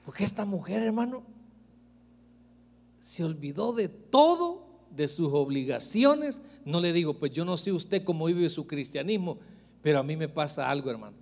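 Male pastor, high-pitched, emphatic and humorous, preaching in a reverberant church hall. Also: very animated, normal speed, gravelly, darkish tone. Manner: emphatic, joking preaching that addresses the congregation directly. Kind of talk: sermon. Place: church sanctuary.

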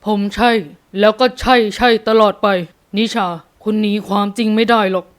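A woman voicing a young man, a possessive, doting father, with a lowered, firm voice. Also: little pitch movement, normal speed, clean tone, close to an everyday voice. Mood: insistent.

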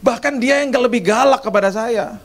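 A man's voice: extremely high pitch, moderate pace. A middle-aged man preaching in a church service, telling chatty, jokey anecdotes. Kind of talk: humorous sermon storytelling.

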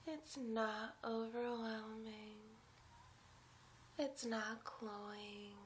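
A woman in a soft, breathy ASMR role-play as a gentle, protective circus clown ringleader, speaking in a soothing, hypnotic way. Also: on the high side, little pitch movement, slight background noise. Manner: soothing, hypnotic, drawn-out phrases. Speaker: ASMR performer. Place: indoors against a plain wall, close to the camera.

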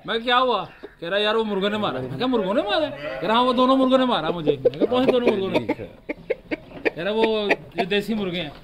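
A man's voice: high voice, fast talker, over a noisy crowd. A man in an outdoor farmyard, telling a casual anecdote and acting out the quoted back-and-forth. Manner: animated anecdote, acts out quoted dialogue. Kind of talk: casual storytelling chat.

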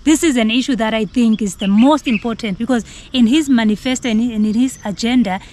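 A woman speaks to camera in a fairly high voice. She is an earnest co-host, repeating key phrases for emphasis as she comments. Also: fairly quick, mellow, a little hiss or hum. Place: outdoors in a leafy garden.

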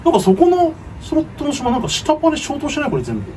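A man in his thirties performing comedy sketch dialogue as a flustered shop manager who repeats words in quick bursts. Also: very high-pitched, huge pitch swings, darkish tone, distant mic. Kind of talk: comedy sketch dialogue, casual workplace talk. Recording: slightly noisy room, off the mic.

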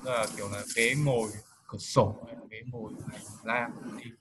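A man's voice: lowish voice, steady tone, fairly quick. Man explaining vocabulary over noise. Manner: explanatory, frequent filler hesitations. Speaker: study group leader. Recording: noisy home recording.

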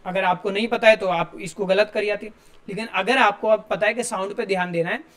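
High-pitched male teacher explaining grammar. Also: steady tone, a little fast, fairly bright tone. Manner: explains step by step, asks students questions. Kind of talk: classroom grammar lesson.

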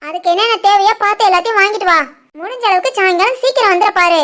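A woman voicing a fussy, doting middle-aged village mother in an animated family story, with a southern Tamil Nadu accent. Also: very high voice, very fast. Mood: bossy. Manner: bossy, chatty.

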